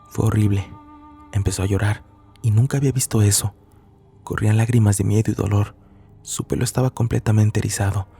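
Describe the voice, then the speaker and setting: Gravelly low-voiced man narrating horror. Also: dark tone.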